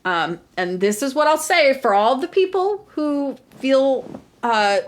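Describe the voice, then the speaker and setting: A woman's voice: high-pitched, animated, slow pace. A woman co-hosting a podcast, ranting heatedly in casual chat and swearing freely. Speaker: podcast co-host.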